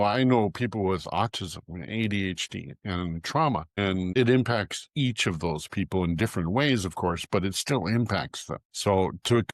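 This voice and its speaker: A man's voice: lowish voice, no echo. A man speaking as a guest author on an interview podcast, frank and emphatic, often agreeing. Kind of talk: conversational interview.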